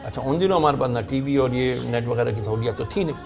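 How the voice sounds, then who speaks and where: A middle-aged man, a religious scholar with a Pakistani Urdu accent, tells a long story and acts out the people in it. His voice is gravelly with a lot of creak, at a medium pitch. Soft music plays behind him. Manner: narrates at length, acting out the people in his stories.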